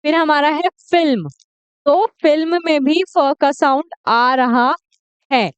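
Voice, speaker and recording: A woman teaching English pronunciation in an online video lecture, repeating words slowly and often checking "okay?" with her learners. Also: sits high, fairly even intonation, no room sound. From India.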